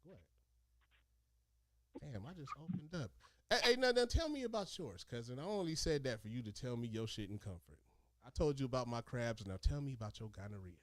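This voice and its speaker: A man telling stories casually in animated, profane street slang, talking like a streetwise former inmate. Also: medium pitch, fairly quick, no room sound. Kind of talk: casual storytelling chat.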